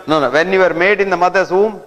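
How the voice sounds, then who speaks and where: A man's voice: high-pitched, fast, a bit bright. A man giving a didactic lecture, often throwing rhetorical questions at the audience. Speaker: guest lecturer. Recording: long hall reverb.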